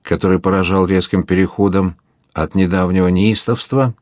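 A man narrating an adventure novel as an audiobook, reading in a measured, dramatic way. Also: low-pitched, fairly even intonation, darkish tone, no room sound, studio quality. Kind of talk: scripted narration.

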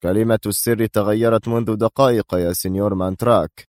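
A man voicing a curt young male bodyguard in an audiobook, with a hoarse, dry, clipped voice. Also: fairly low pitch, steady tone, fast, a little mellow, dry recording, natural voice.

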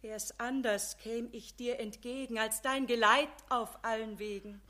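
A woman's voice: on the high side, fairly even intonation, pushed and bright. A woman playing a frail, devoted spirit of Good Works in a Bavarian dialect verse play, with a weak, pleading voice. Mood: sorrowful devotion. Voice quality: weak, feeble voice. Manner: labored, pleading, slow.

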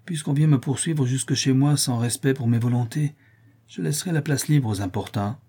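A man doing a frail angry old father in an audiobook, imperious tone, dark husky voice. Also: medium pitch, moderate pace, pitched above the performer's own voice. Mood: indignant. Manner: weak but imperious, angry. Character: old sick father, weak but imperious.

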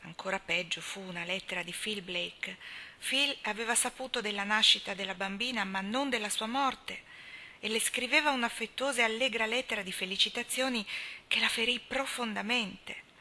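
A woman reading a novel aloud as an audiobook, in a soft, hushed narration. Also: medium pitch, moderate pace. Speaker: audiobook reader. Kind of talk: scripted narration.

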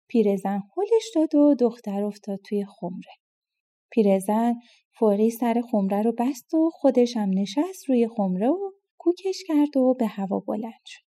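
A woman reads an old folk tale aloud in storybook style. Her voice sits a little high but sounds very dark and mellow. She lifts her pitch for the characters' lines. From Iran. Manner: reads all parts herself, lifting her voice for quoted characters. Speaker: audiobook narrator. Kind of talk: storybook narration of folk tales.

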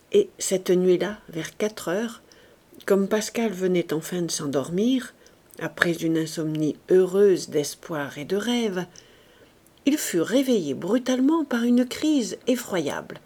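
A woman narrating a classic novel as an audiobook, in a measured, expressive reading. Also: fairly low pitch, husky. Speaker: audiobook reader.

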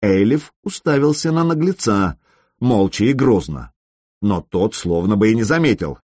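Husky male audiobook narrator. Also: fairly low pitch, expressive, normal speed, a little mellow, dry recording, studio quality.

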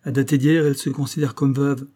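A man voicing a male doctor, a cold and measured friend who speaks calmly and evenly. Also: medium pitch, close to an everyday voice. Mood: cool. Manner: measured, cool.

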